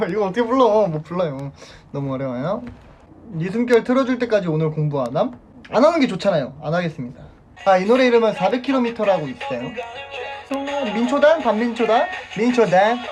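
A man's voice: high voice, animated, brisk. A young man in his twenties hosting a casual live stream, reading viewer comments aloud in a playful way and laughing often. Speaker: idol band member hosting a solo live stream. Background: music playing.

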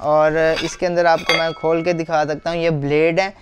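A young Pakistani man, a shopkeeper giving an eager, teleshopping-style sales pitch for bargains in his shop. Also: flat delivery, normal speed. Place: inside a busy homeware shop. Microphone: clip-on lapel mic.

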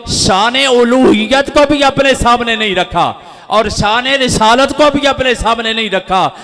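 A man from Pakistan delivers a sermon in a high, ringing voice, taking his time over each phrase. His delivery is unhurried and emphatic, rising into exclamations. The sound carries a long hall reverb, as if spoken through a PA in a big gathering hall. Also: a bit bright. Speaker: preacher. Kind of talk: impassioned sermon.

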